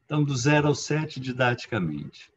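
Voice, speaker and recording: A man's voice: mid-range voice, expressive, normal speed. A man with a Brazilian Portuguese accent giving a spiritist talk on family education, speaking conversationally and often tagging his points with questions to the listener. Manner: conversational, frequent tag questions. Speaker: lecturer. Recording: dull lo-fi with faint background noise.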